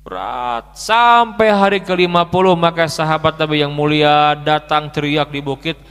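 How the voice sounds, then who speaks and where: A man preaching a storytelling sermon, moving between loud exclaiming and soft hushed telling, reciting Arabic verses and translating them. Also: fairly high pitch, moderate pace, clear, resonant tone, big-room sound.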